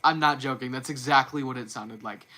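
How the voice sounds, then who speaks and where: A man hosts a casual livestream, talking off the cuff in a mid-range voice that runs a little fast and sounds pushed and bright. He stumbles often, restarting sentences and repeating words.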